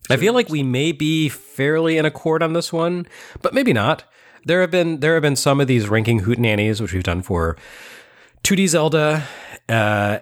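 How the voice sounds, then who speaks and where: A man hosting a podcast over a remote call, rambling cheerfully and poking fun at himself. His voice sits at an ordinary middle pitch, and he breaks into laughs often. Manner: chatty, self-mocking, laughs often. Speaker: podcast host. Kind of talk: casual chat.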